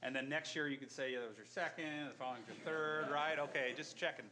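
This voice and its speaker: A man's voice: a little high, fast talker. A man with an Indiana accent leading a city council meeting in the chambers, talking in an upbeat, folksy, chatty way. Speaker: council president. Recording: crowded chamber with background noise.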